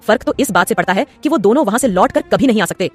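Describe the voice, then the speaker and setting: A woman's voice: medium pitch, lively intonation, quick pace, faint music behind, lightly acted. A woman voicing a scheming, treacherous male commander who mocks and gloats in an audio story. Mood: gloating. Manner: mocking, gloating.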